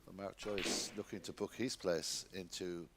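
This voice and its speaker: A man giving hushed, measured snooker commentary in an understated way. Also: low voice, steady tone. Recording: noisy commentary recording with clicks.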